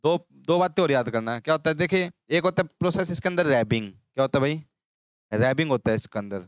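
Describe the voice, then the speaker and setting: Male tutor, quick call-and-response drilling, clean close voice, dry sound. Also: a little high, lively intonation, clean tone, dry recording. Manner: drills terms with repeated call-and-response questions. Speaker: agriculture teacher. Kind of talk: exam-prep lecture.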